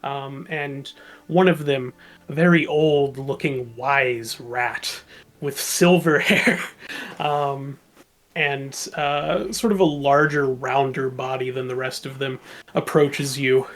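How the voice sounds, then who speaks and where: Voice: medium pitch, slow pace. A game master narrating a tabletop game, hesitant with many fillers.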